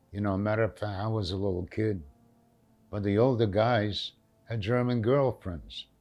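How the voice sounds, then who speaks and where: An old man with a Yiddish accent recalls his life at a slow pace in a lowish voice. He is plain-spoken, repeating short phrases and slipping Yiddish words into his answers. Faint music runs behind him. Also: fairly even intonation, a little mellow. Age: elderly. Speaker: Holocaust survivor giving testimony. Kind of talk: reminiscing in an interview.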